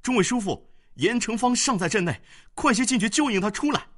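A man's voice: sits high, expressive, fairly quick, pitched above the performer's own voice. A man voicing a young heroic general who calls out urgently in a told story. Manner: urgent shouting. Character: young heroic general shouting to his elders.

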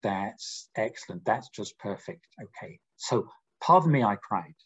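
A man giving a lecture, reading verse slowly and then explaining it with emphatic pitch jumps. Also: expressive, a bit bright, slightly rough, low-quality recording. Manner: slow deliberate recitation of quoted verse.

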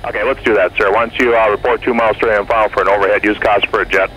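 A male air traffic controller rattles off rapid-fire instructions, clipped yet courteous, from the airport tower over aviation radio, as heard in a jet cockpit. His pitch is fairly low and hardly moves. Faint noise sits in the radio signal.

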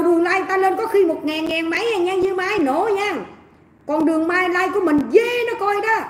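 A woman's voice: very high-pitched, slight background noise. A woman with a Southern Vietnamese accent hosting a livestream, chatting in a gossipy, mocking way and addressing her viewers as family, recorded in an echoey room. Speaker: livestream host. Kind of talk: casual livestream commentary.

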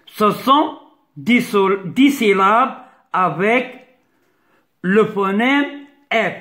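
A man teaching a phonics lesson to young pupils, speaking deliberately and repeating each word and syllable. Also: high-pitched, expressive, a bit bright. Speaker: primary school teacher. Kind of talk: slow phonics lesson for children.

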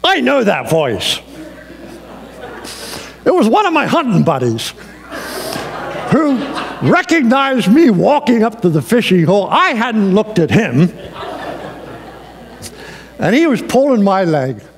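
Gravelly-voiced pastor telling a story. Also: male voice, high-pitched, sing-song, a little slow, long pauses, big-room sound. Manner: storytelling with conversational fillers. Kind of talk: sermon. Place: church sanctuary.

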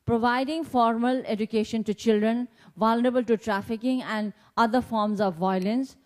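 A woman's voice: on the high side, fairly even intonation. Nepali-accented woman lecturing. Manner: reads slide points slowly, with pauses and restarts. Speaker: guest lecturer. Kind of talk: lecture with slides. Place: conference hall. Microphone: handheld microphone.

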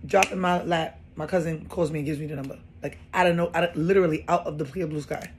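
A woman in her thirties telling a personal story in a casual, animated way, often repeating phrases for emphasis. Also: low-pitched, fast talker, a little hiss or hum.

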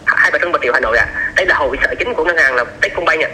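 A man's voice: fairly high pitch, racing, sharp tone, slight background noise. A man talking over the phone like a customer-service agent, polite but insistent and repeating himself, on a recorded call. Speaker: caller posing as bank support staff.

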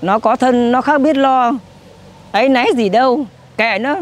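A woman's voice: fairly high pitch, animated, normal speed, lightly acted. A woman playing a brash selfish young mother. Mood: callous.

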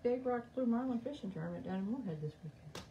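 A woman's voice: on the high side, animated, fast talker, mellow, muffled recording, a little hiss or hum. A woman co-hosting a livestream in casual chat, reading out viewer comments and teasing her partner.

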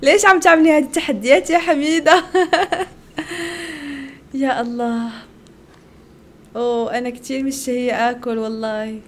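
A woman's voice: high voice, steady tone, normal speed, long pauses, a bit bright, a little hiss or hum. A young woman, reacting to food videos in a casual vlog, giggling often and exclaiming playfully.

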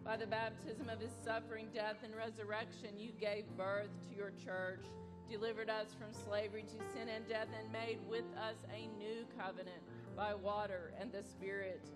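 A woman minister reading a communion liturgy in a measured, formal way, her voice carrying a long echo as if heard in a large church hall. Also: medium pitch, level tone. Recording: reverberant church with loud guitar music.

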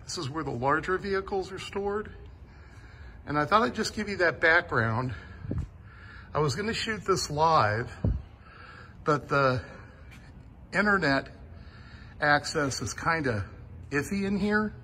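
A man with a bright, forceful voice narrates a walk through a big indoor vehicle warehouse, talking into his phone camera. He sounds enthusiastic and amazed, and his voice sits a little high for a man. A faint background hiss runs under the recording. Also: animated, unhurried, long pauses. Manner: enthusiastic, awed. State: a bit sweaty after driving. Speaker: vlogger touring a vehicle museum.

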